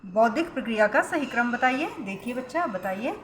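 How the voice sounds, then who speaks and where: High bright-voiced woman teaching exam prep. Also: lively intonation, fairly quick. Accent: Indian English words mixed into Hindi. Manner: coaxing, calls students beta, keeps asking "correct?". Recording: echoey room with faint noise.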